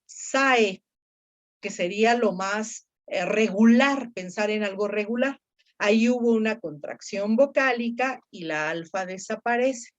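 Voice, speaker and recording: A woman teaching Ancient Greek grammar, explaining patiently step by step and quizzing her students. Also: medium pitch. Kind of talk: online grammar lesson.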